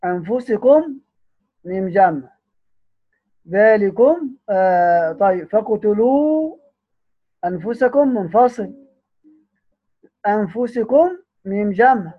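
A high-pitched man with an Egyptian accent teaches the readings of the Quran. He lingers over each recited word, then hurries through his points with frequent restarts. The recording is narrow and tinny, like a phone line. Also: animated. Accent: Egyptian Arabic. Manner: drawls recited words slowly, then explains quickly with many restarts. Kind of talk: teaching the ten readings, alternating recitation and explanation.

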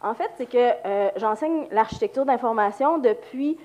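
A woman with a Quebec French accent presents at a conference while down with the flu. Her voice sits on the high side, and she talks conversationally, feeling her way through explanations with colloquial turns. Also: lively intonation, moderate pace, a little mellow. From Quebec, Canada. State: has the flu. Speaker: university lecturer and researcher.

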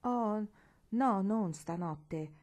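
A woman's voice: medium pitch, lively intonation, extremely slow, darkish tone. A woman voicing an indignant, quarrelsome young boy in a storybook reading, with an aggrieved, complaining manner.

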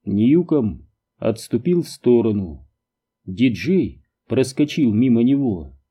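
A man narrating an audiobook in an even, measured reading. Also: mid-range voice, husky, lo-fi sound.

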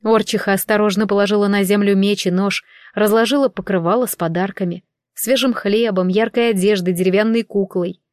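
A woman narrating a first-person fantasy audiobook in a wry, even storytelling manner. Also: medium pitch, brisk, no room sound, studio quality. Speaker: audiobook reader.

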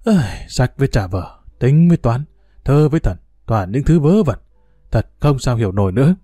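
A man's voice: mid-range voice, sing-song, moderate pace, mellow, no echo, studio quality. A man voicing a cranky, stubborn, forgetful old grandfather who grumbles and complains. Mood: irritated. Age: older.

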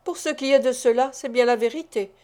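Brisk, firm young woman breaking up a quarrel, as a woman reads her in a storybook. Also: a little high, darkish tone, close to an everyday voice.

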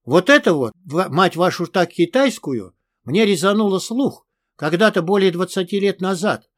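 A man reading a first-person audiobook in a tough, gruff manner. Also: sits high, lively intonation, moderate pace. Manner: tough, gruff with crude curses in dialogue. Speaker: audiobook narrator.

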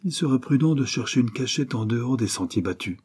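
A man's voice: medium pitch, expressive, a little fast, a little mellow, breathy edge, voice pushed up. A man voicing a resolute young engineer. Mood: earnest. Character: brave, level-headed young male engineer.

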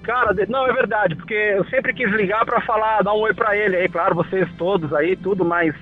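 A man's voice: high voice, steady tone, a little fast, soft background music. Man calling in over a tinny phone line. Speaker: caller. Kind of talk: casual chat.

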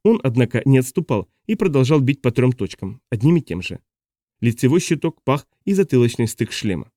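A man reading a science fiction audiobook as narrator in a steady, even storytelling manner. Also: mid-range voice, brisk, no room sound, clean studio sound. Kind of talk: scripted narration.

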